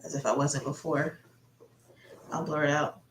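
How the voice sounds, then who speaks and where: A woman with a slightly low voice chats casually in an echoey room. She sounds congested, breathing through her mouth, and rambles along as if thinking aloud on a livestream. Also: little pitch movement, normal speed, a little hiss or hum. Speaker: artist livestreamer chatting while painting. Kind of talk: casual chat.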